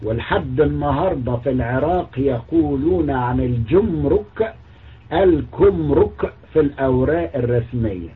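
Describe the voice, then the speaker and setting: Husky, scornful Egyptian man over tinny audio. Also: mid-range voice, expressive, normal speed. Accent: Egyptian Arabic. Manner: mocking, scornful, lecturing. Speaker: religious critic. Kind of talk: polemical monologue.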